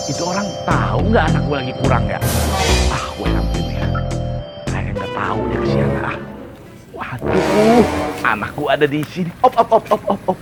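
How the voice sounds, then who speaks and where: A man's voice: mid-range voice, wildly swooping pitch, moderate pace, vocal fry, loud music behind the voice. A man acting a worried father in a comedy sketch. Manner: worried, fretting. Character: worried father searching for his daughter.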